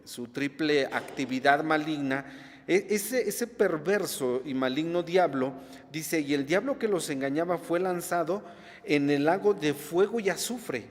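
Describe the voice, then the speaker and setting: A man's voice: fairly high pitch, measured pace, in a large hall. A man preaching a sermon, emphatic, repeating key words and checking in with the congregation. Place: church.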